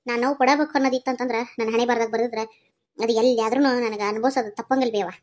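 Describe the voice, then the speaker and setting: A young village daughter from a cartoon, gentle and devoted, voiced by a woman with a North Karnataka Kannada accent. She pleads and soothes in a high, quick voice that tumbles out fast. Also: fairly even intonation, lightly acted. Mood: tender. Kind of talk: cartoon voice acting.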